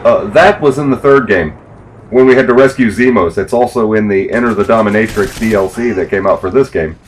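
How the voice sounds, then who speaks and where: Low-voiced man, casual game commentary. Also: fairly quick, a little hiss or hum. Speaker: gameplay commentator. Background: quiet video game sounds.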